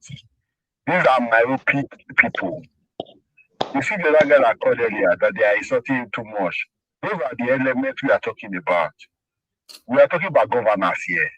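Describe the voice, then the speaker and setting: A man's voice: mid-range voice, fairly bright tone, no room sound. A Nigerian man calling in over a phone put on speaker, making emphatic points, repeating himself and restarting sentences. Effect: heard over a phone on speaker. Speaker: caller. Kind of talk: heated call-in commentary. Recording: muffled phone speaker audio.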